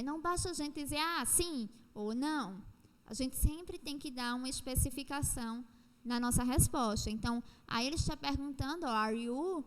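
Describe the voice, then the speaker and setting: Brazilian lady teacher, high voice, explains slow n repeats stuff, lots of reverb. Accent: Brazilian Portuguese. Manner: explanatory, repeats points, slows down for examples. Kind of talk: recorded online lesson.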